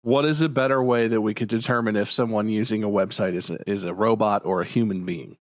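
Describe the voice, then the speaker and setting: A man's voice: fairly low pitch, steady tone, fast, no echo, clean studio sound. A man co-hosting a casual comedy podcast, ranting playfully about pet peeves. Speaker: podcast co-host.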